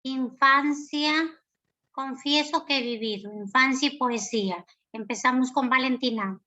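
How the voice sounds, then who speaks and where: A woman's voice: high voice, measured pace, sharp tone, highs cut off. A woman teaching a literature class, giving polite instructions and praising her students.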